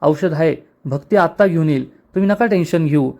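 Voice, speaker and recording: A man's voice: fairly high pitch, a little fast, a little mellow, close to an everyday voice. A man reading the lines of an urgent, pleading young village woman.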